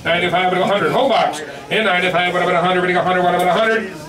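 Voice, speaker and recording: A man's voice: high voice, fairly even intonation, very fast. An American man working as an auctioneer, chanting bids in a repetitive, rhythmic patter of numbers. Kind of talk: auctioneer's rapid bid-calling chant. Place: crowded indoor toy auction in a wood-framed hall. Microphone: picked up by a camera at a distance. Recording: distant, echoey, busy crowd around.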